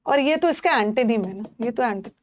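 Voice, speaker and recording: A middle-aged woman runs an online English vocabulary class, her voice pitched a little high. She talks in an animated way, mixing Hindi and English and repeating each word so her students catch it. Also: a little fast. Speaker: English teacher.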